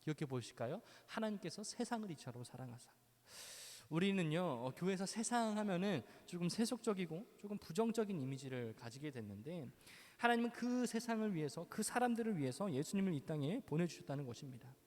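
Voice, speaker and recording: A man's voice: high-pitched, expressive, fairly quick, darkish tone. A man preaching to a youth group at church. He talks playfully, acts out quoted lines and asks the kids questions. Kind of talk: sermon to teenagers. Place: church hall. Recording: reverberant church hall.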